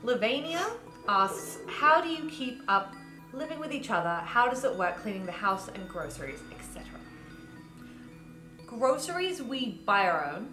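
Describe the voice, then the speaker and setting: A woman's voice: on the high side, sing-song, normal speed. Cheeky, self-mocking woman in her twenties. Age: 20s. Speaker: co-host. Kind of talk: casual chat. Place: home, in a pillow fort indoors. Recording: echoey room with background music.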